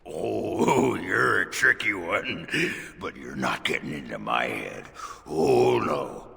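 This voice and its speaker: An actor playing a boisterous, crude drunken dwarf warrior in a video game, rambling in a dizzy slur with a gravelly voice. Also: male voice, deep voice, sing-song, slow, bright, forceful tone, in a large hall, heavily acted. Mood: drunken, suspicious. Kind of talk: video game character acting.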